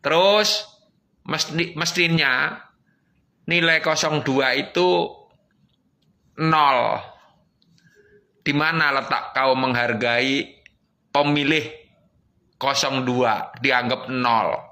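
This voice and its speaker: A man giving a casual opinion, halting and stammering with an amused tone. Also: mid-range voice, pushed and bright. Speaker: viewer posting a clip.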